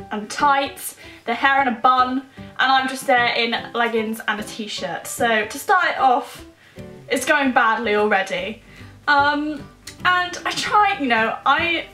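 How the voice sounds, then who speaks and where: A young woman tells a self-deprecating story in a high, bright voice. She is animated and conversational, recorded in an echoey room with faint music. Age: young adult. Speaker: vlogger. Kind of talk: comic personal storytelling to camera.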